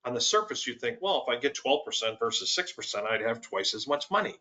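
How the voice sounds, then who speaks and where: A man's voice: medium pitch, very animated, quick pace, sharp tone. A man explaining money principles on a webinar, walking through worked examples with emphasis. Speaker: financial executive guest.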